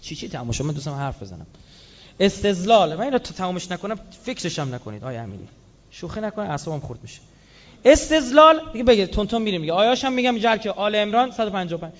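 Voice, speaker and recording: A man delivering a lively religious sermon, switching between recited scripture and casual, joking asides. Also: high voice. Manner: animated, with Quranic quotes and colloquial asides. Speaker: religious speaker. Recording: slightly dull lo-fi sound.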